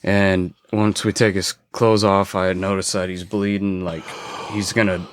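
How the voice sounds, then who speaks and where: A man on a podcast, a former forest ranger, casually telling a story with frequent swearing and halting restarts. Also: sits low, flat delivery, a little hiss or hum.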